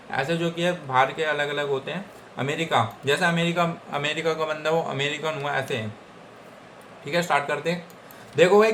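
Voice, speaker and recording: A man's voice: fairly high pitch, fairly bright tone, a little hiss or hum. Man teaching Japanese words in Hindi. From India. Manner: repeats each word several times, with frequent "theek hai guys". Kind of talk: casual Hindi language lesson.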